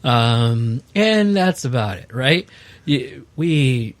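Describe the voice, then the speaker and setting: A young man co-hosting a casual podcast, emphatic and quick to laugh. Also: medium pitch. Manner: animated, laughs often, emphatic. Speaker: podcast co-host.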